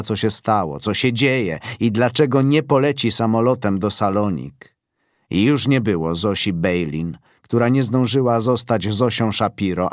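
A man giving a literary audiobook reading in a measured, sombre way. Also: fairly low pitch, dry recording, studio quality. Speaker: audiobook narrator.

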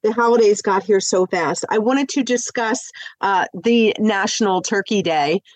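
Her medium-pitched voice unhurried and free of echo, a woman with the flu sounds congested as she hosts live radio from a studio. She keeps the home-improvement talk chatty, bubbly and upbeat, full of fillers.

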